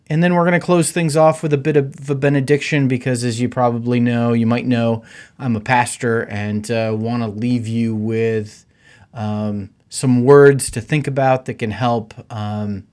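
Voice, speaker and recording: A middle-aged man, a pastor, hosting his own podcast in a relaxed, conversational way with many filler words. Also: medium pitch, clear, resonant tone. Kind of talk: casual podcast monologue.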